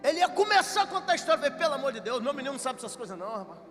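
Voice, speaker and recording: A Brazilian man, a pastor, telling jokey stories in a sermon that builds to shouted preaching in a church. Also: extremely high pitch, sing-song, rapid-fire. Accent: Brazilian Portuguese. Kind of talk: sermon with storytelling. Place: church hall. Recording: reverberant church hall with music.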